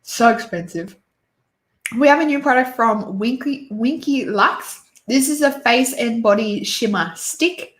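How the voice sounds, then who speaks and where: A woman hosting a relaxed beauty chat, talking slowly and thinking aloud. She is opinionated, rambles through her fillers and restarts herself often. Her voice rings a little in an echoey room. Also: on the high side. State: hiccups and sneezy. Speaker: beauty YouTuber host. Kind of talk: casual livestream chat reviewing releases.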